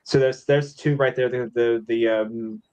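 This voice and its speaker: A man from the American Midwest, a podcast guest chatting casually, animated and full of restarts. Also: mid-range voice, unhurried, clear, resonant tone. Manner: animated, restarts a lot, many "like" fillers.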